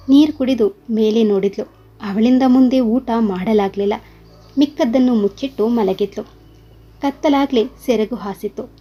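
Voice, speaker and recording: A woman reading a scripted story aloud in a steady, earnest way. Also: on the high side, slightly rough.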